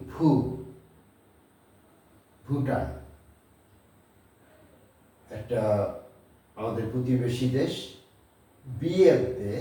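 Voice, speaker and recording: A man teaches English pronunciation to beginners, speaking slowly and patiently in a mellow, dark voice. He stands back from the microphone, and a strong echo from the room follows his words. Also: medium pitch. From Bangladesh. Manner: slow, patient explaining with rhetorical questions. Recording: echoey room, voice from a distance.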